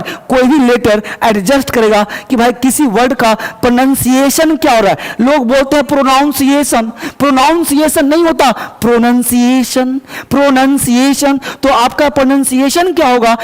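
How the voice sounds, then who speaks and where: A man's voice: very high-pitched, big-room sound. A man teaching a spoken-English lesson with emphasis, repeating key words and asking and answering his own questions.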